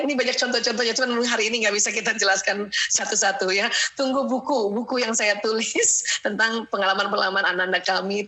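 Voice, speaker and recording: A middle-aged woman gives an animated lecture on parenting and family life. Her voice is bright, forceful and slightly high. She laughs often and keeps checking in with her listeners with a quick "ya". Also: poor audio. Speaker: parenting speaker. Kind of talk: lively lecture with family anecdotes.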